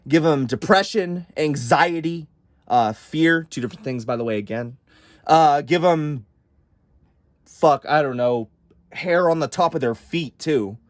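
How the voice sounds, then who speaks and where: A man's voice: on the high side, a little slow, no room sound, studio quality. A man delivering a profane, exasperated comedic rant, talking in a rambling way. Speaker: comedic vlogger.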